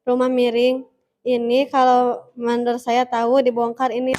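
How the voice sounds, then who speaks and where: A woman student presenting to a class in an even, measured way. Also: a little high.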